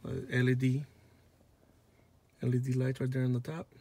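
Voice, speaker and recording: A man filming on a phone in a car lot, showing viewers a new car in a relaxed, offhand way. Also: mid-range voice, normal speed. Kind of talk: casual walkaround video. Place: outdoor car dealership lot and inside a car. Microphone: phone held in hand while filming.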